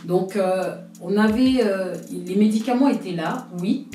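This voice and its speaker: As an interview guest, a thirty-something Frenchwoman offers a personal testimony in a dark-toned, mid-range voice, a little slow. Her reflective, hesitant manner shows her searching for words. Faint music sits behind her, and the recording is roomy and distant.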